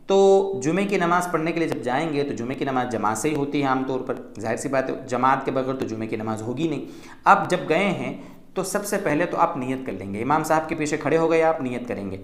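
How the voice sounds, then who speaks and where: In a reverberant space, a man with a mid-range, fairly bright voice gives religious instruction, patiently walking through how to pray as a mufti step by step. He keeps checking in with "theek hai."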